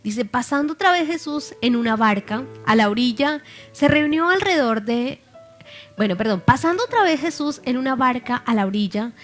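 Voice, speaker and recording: A woman's voice: high-pitched, lively intonation, moderate pace. Woman preaching a sermon over faint music. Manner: reads scripture aloud, then asks the listeners questions.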